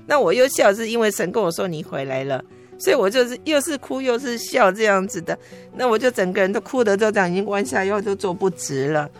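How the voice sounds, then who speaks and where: A middle-aged woman earnestly telling her faith testimony as an interview guest, emotional and halting with frequent restarts. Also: mid-range voice.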